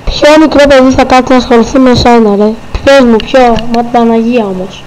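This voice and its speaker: A man voicing an exasperated young man who scolds his dog in a high voice. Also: steady tone, a little hiss or hum, rough recording.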